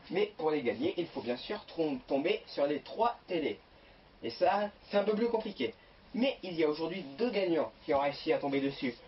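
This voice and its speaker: A man speaking as a game show host, running the show and interviewing contestants in a halting, improvised way, often repeating his words. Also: a little high. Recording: dull lo-fi sound with faint noise and clicks.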